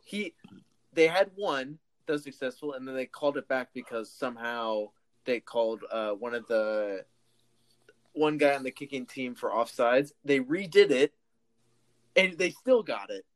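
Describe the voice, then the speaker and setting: A man co-hosting a casual sports podcast, opinionated and teasing with quick remarks. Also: mid-range voice, animated. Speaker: podcast co-host.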